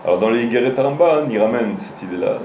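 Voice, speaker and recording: A rabbi with an expressive, medium-pitched voice talks fast while giving an informal Torah class, addressing listeners directly. His storytelling is marked by hesitations and restarts. The audio has its highs cut off, slight background noise, and faint ambience in a roomy room.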